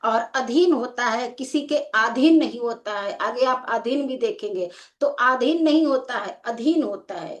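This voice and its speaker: A woman teaching a Hindi spelling lesson for exam preparation, explaining slowly and checking in with the class again and again. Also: a little high, expressive. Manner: slow and explanatory, repeating "ठीक है" as a check. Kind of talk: exam-prep lecture.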